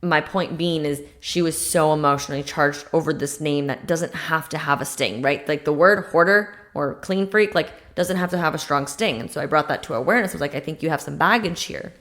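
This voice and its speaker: A woman's voice: deep voice, brisk, hardly any pauses. A young woman hosting a podcast, talking through advice in a chatty, casual way, often adding "like" and "right?" and acting out short exchanges. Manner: chatty, fills speech with "like" and "right?"; acts out little dialogues in a brighter voice. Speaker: podcast host.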